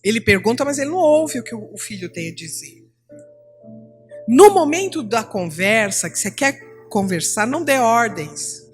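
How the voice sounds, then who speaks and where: A middle-aged Brazilian woman teaching at church, telling classroom stories and acting out the dialogue in a lively way. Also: fairly high pitch, moderate pace, breathy edge, faint music behind. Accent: Brazilian Portuguese. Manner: animated storytelling, acting out dialogue.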